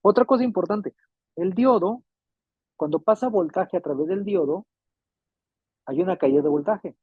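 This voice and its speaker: Male instructor, fairly high husky voice, patient and repetitive, tinny phone-like recording. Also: normal speed, no echo. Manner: patient, repeats points and checks understanding. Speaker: refrigeration electronics instructor. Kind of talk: classroom lecture. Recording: tinny phone-like dry sound.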